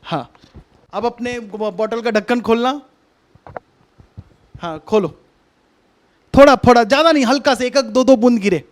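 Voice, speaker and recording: A man's voice: extremely high pitch, unhurried, long pauses. A man preaching a sermon over a video call, talking conversationally, coaxing his listeners and repeating his instructions. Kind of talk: online sermon with a hands-on demonstration.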